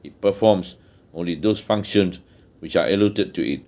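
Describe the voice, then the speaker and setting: Male audiobook reader, low voice, steady earnest delivery of religious text. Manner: measured, earnest reading with occasional restarts and throat clearing. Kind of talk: reading a religious book aloud.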